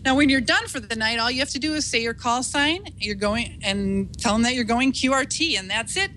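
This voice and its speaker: A ham radio operator and instructor, this woman speaks a little fast in a fairly high, bright, forceful voice. Her informal instructional talk is encouraging, reassuring and conversational, like a teacher guiding beginners through each step. A little hiss or hum is audible.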